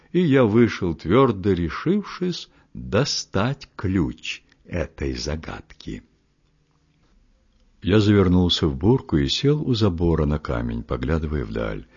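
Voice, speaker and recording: Husky man narrating a classic story. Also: sits low. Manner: measured, expressive storytelling. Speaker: audiobook reader. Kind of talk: literary audiobook narration. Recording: muffled lo-fi recording.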